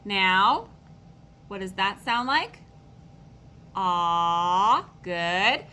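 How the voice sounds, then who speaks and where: A woman teaches young children to read, speaking slowly and carefully as she sounds out each word. Her voice is bright and clear. A faint rumble hums in the background. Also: animated, rough recording. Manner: slow, encouraging, sounds words out for kids. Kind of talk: online phonics lesson for children.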